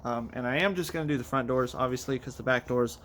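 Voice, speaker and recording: A man's voice: mid-range voice, fast talker, a bit bright. Guy filming his car build in the garage, a bit out of breath, lots of ums, faint hum behind him. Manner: rambling, self-correcting, many fillers. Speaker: car audio hobbyist vlogger. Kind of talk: casual build walkthrough.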